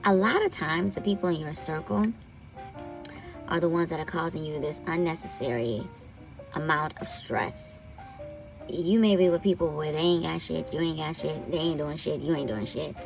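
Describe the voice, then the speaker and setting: An American woman, a nurse practitioner, hosts an informal health commentary, giving candid advice in a blunt, salty, folksy way with profanity and folksy terms of address. Her voice is low-pitched and gravelly at a normal speed. Music plays in the background of the low-quality recording.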